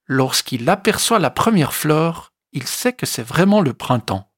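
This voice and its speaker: A storyteller reading a children's animal story aloud in a slow, expressive way. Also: medium pitch, dry recording, clean studio sound. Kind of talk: scripted children's story narration.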